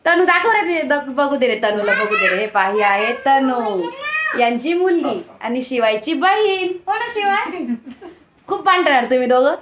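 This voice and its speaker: A woman's voice: high-pitched, animated, moderate pace, heavy background noise. A young woman filming a family vlog at a relative's home, chatting, teasing and coaxing her small son to talk. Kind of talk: casual family vlog chat.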